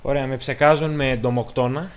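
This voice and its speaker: Medium in pitch and fairly even in intonation, his voice is clear and resonant. He's a gameplay commentator with a Greek accent, joking around and talking to the game's characters in a chatty let's-play.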